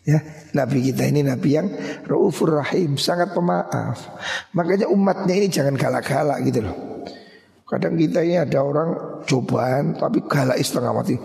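A middle-aged man with a Javanese accent, preaching a lively storytelling sermon and acting out the voices of his characters. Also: on the high side, creaky. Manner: animated, acts out voices in his stories, mixes in Javanese. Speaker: Islamic preacher. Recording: echoey hall.

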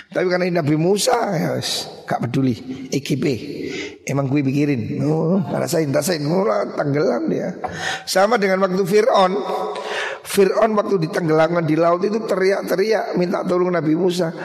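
A middle-aged man with a Javanese accent, preaching a lively storytelling sermon and acting out the voices of his characters. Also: a little high, creaky. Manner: animated, acts out voices in his stories, mixes in Javanese. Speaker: Islamic preacher. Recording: echoey hall.

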